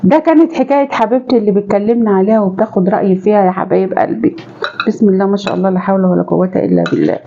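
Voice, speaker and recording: A woman with an Egyptian accent talks to her viewers as she cooks in her home kitchen, chatty and affectionate, often turning to them fondly. Her voice is mellow and dark. The recording sounds dull and lo-fi. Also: mid-range voice, expressive, very fast, gravelly, slight background noise. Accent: Egyptian Arabic. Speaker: home cooking vlogger and mother. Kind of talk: chatty cooking vlog talk to viewers.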